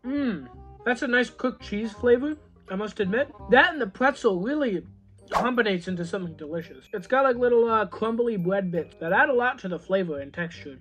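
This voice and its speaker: Brisk and a bit bright, this young adult man's high-pitched voice has lively intonation, and faint music sits underneath. He's seated at a table in a small room at home, chatting easily to a camera across from him as he reviews microwave food, peppering his talk with "you know."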